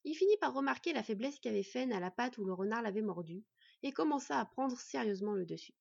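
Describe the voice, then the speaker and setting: A woman narrating a fantasy story in a measured storytelling way. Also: a little high, animated, gravelly, slightly rough, no room sound. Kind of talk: scripted narration. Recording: dry, slightly dull recording.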